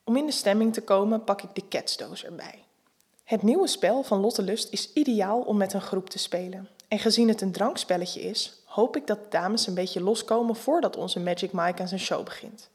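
Woman narrator, erotic audio story, calm reading, mid-pitched voice. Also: moderate pace, husky.

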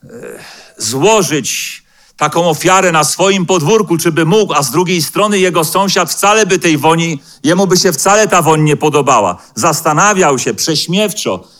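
A man preaching a sermon as pastor in a church, speaking in a measured way and slowing down to quote scripture, with the odd hesitant filler. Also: a little high, expressive, a bit bright. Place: church hall.

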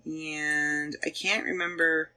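A woman's voice: sits low, steady tone, slow, sharp tone. A Canadian woman in her forties with a Canadian accent, hosting a podcast and chatting casually about past episodes, rambling and searching aloud with many fillers. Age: 40s. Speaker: podcast host. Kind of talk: casual chat looking back on past episodes.

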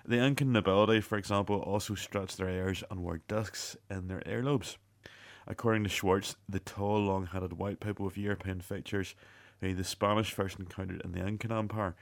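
Low-voiced man hosting a scripted radio show.

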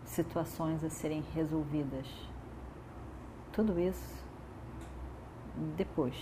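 A woman guides a meditation in a soothing, calm manner, leaving long pauses between short phrases. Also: low voice, background noise.

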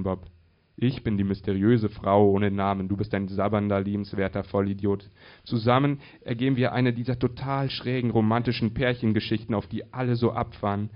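A man's voice: lowish voice, lightly acted. A man voicing a cold, mysterious nameless businesswoman who questions insistently. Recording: dull lo-fi recording.

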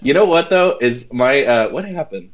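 A man's voice: mid-range voice, lively intonation, normal speed, muffled recording. A man co-hosting a casual podcast chat, rambling with lots of "like" and "you know" fillers. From United States.

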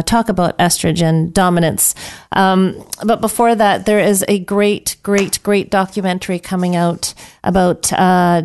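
A woman's voice: fairly low pitch, darkish tone, clean tone. A woman hosting a live radio health show, chatty and rambling, laughing often. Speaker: radio talk show host.

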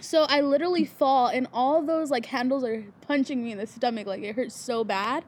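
A woman's voice: high voice, a little fast, a little mellow. A young woman co-hosting a casual podcast, chatty and giggly, with lots of "like" in her storytelling. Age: young adult. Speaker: podcast co-host. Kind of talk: casual chat.

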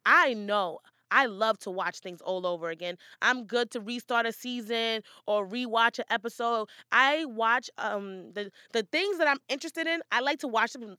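A woman podcast host with a bright, fairly high voice, chatting in an upbeat, motivational way. The sound is close and dry, like a small recording space with no room echo. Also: moderate pace, few pauses, clear, resonant tone. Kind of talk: casual solo podcast monologue.

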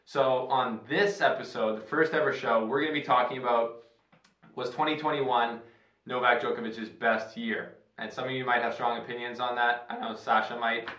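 A man's voice: medium pitch, normal speed. Roomy, distant male host. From Canada. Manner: relaxed, chatty, many fillers and restarts. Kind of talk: casual sports talk show. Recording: roomy sound, distant from the mic.

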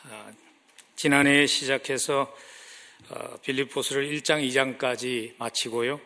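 A man's voice: medium pitch, steady tone, a little slow, bright, forceful tone. A man preaching a sermon as pastor, speaking earnestly and rising in emphasis on key phrases.

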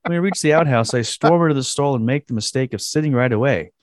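A man's voice: medium pitch, fast, dry recording, clean studio sound. Crude joking man reading a post. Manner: crude joking, laughing often. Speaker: podcast co-host. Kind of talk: casual chat, reading a post aloud.

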